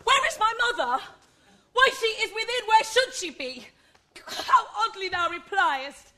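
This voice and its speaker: A woman's voice: very high voice, very animated, a little slow, bright, forceful tone, heavily acted. A woman playing an impatient, lovesick young girl in a Shakespeare play, pleading for news. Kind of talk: Shakespeare stage acting.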